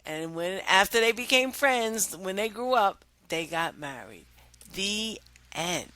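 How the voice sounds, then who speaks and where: Speaking with a mid-range voice, a woman tells a children's story and explains it like a reading teacher. Her delivery is expressive and unhurried.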